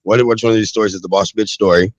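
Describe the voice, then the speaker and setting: A man's voice: lowish voice, steady tone, fast, dull audio. A male host of a live web radio show, who grew up in the southwestern US and Germany, talks loosely with lots of fillers and self-mocking jokes.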